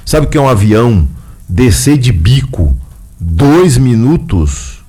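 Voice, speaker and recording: Radio host guy, chatty and folksy, keeps saying né, mid pitch. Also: big pitch swings, takes it slowly, warm tone, slightly rough. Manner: chatty and folksy, tags lines with "né?". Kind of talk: casual radio talk show chat.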